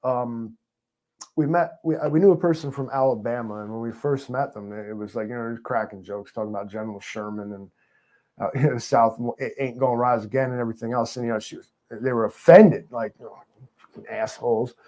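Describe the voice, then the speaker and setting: Rambling New man, mellow voice. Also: mid-range voice, steady tone, fairly quick. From New York. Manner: rambling, filler-heavy, joking and sarcastic. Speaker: guest. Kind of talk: casual interview chat.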